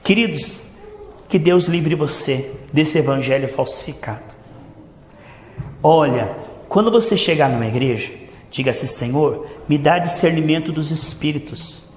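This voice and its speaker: A man with a Brazilian Portuguese accent preaching a sermon in a church, fervent, swinging between loud emphasis and low asides. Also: measured pace, a little hiss or hum. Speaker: pastor. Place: church hall. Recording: echoey church hall reverb.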